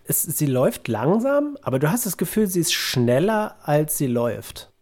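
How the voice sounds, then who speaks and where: A man narrating calmly and descriptively as game master of a tabletop game. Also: on the high side, normal speed, crowd noise.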